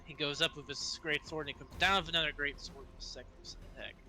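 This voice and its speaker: A man's voice: fairly high pitch, fairly even intonation, fast talker, pushed and bright. A man playing a tabletop roleplaying game, casually describing what his character does. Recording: music behind the voice.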